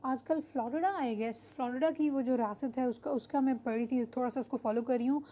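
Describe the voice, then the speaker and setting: A woman's voice: sits high, brisk, dark tone. A woman teacher giving an online lecture, explaining steadily and mixing English terms into her speech with frequent fillers.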